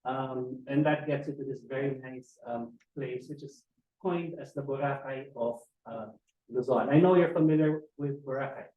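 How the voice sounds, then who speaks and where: A man's voice: medium pitch, moderate pace. A man from the Philippines giving a conversational sales presentation with many fillers. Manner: loose, filler-heavy talk. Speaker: company presenter. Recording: roomy, dull sound.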